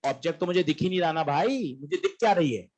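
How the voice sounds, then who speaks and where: Animated high-voiced male physics teacher. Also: fast talker. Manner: animated, quizzing students and answering himself, switches between coaxing and emphatic. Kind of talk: classroom lecture.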